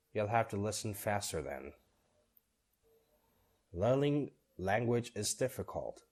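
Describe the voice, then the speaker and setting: A man reading both parts of short scripted dialogues for English learners, steady and measured. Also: lowish voice.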